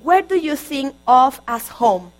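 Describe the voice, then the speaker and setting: A woman from Colombia with a Colombian Spanish accent preaching a sermon in English, her second language, earnest and halting with frequent restarts. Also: high voice, lively intonation, rough recording. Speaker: guest preacher.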